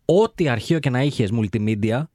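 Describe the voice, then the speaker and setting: A man's voice: mid-range voice, no room sound. Chatty male radio co-host, dry studio. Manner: chatty, animated storyteller, slangy. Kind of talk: casual studio banter. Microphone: studio microphone.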